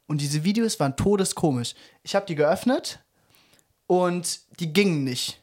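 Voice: mid-range voice, lively intonation, normal speed, darkish tone. A young adult co-host telling a long story in casual chat, rambling with slang and fillers like "bla bla bla".

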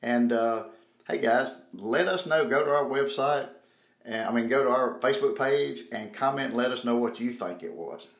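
Speaking at medium pitch and a moderate pace, a man opens his podcast with casual talk aimed at his listeners. There's a roomy echo and faint background music.

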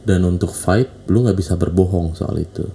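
Low, dark-voiced man giving slangy advice. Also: moderate pace, gravelly, a little hiss or hum. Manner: slangy, preachy, repeats himself. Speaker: relationship advice talker. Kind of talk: casual monologue.

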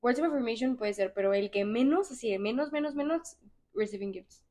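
A young woman, co-hosting a casual podcast chat, cutting in with quick, teasing remarks. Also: on the high side, mellow. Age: young adult. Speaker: podcast co-host.

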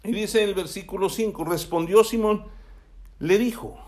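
Higher-voiced man preaching a sermon. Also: normal speed. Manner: reads scripture aloud, then explains conversationally with tag questions. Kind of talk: sermon with Bible reading.

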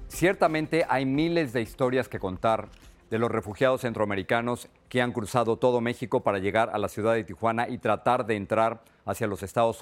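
A male podcast host with a mid-pitched voice, speaking slowly and deliberately. He introduces the story and puts questions to his guest in an even, serious news-interview manner.

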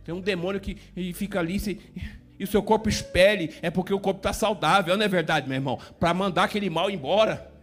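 A Brazilian-accented male pastor with a notably high voice delivers a loose, chatty sermon. He jokes with the congregation and keeps asking whether they follow him, with faint music behind. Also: fast talker, a bit bright. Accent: Brazilian Portuguese. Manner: folksy, joking preacher who keeps asking the listener "tá entendendo?".

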